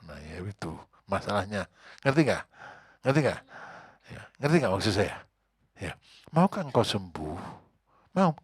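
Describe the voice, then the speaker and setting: A man, a pastor, preaching a conversational, animated sermon and asking the congregation questions. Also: fairly low pitch, normal speed, pauses often, husky, dry recording, clean studio sound.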